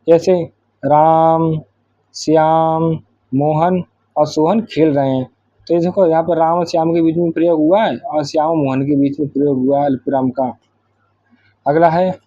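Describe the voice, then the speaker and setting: A man's voice: on the high side, dark tone, dry recording, muffled recording. A man teacher going through exam questions one at a time, asking each question aloud and then answering it step by step. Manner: explains step by step, asks then answers his own questions. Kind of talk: exam revision lesson.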